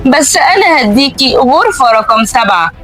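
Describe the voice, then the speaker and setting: Woman playing high-voiced old Egyptian hotel man. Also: very animated, normal speed, fairly bright tone, poor audio. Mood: calm, welcoming. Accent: Egyptian Arabic. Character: very old male hotel receptionist, kindly, mysterious. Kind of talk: horror story character acting.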